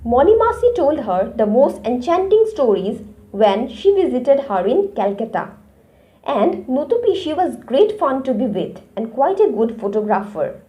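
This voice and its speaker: Woman teacher, high and animated delivery that explains words to young children. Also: moderate pace, lo-fi sound. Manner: explains words and speaks directly to young pupils. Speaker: English teacher. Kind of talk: online class lesson explaining a story.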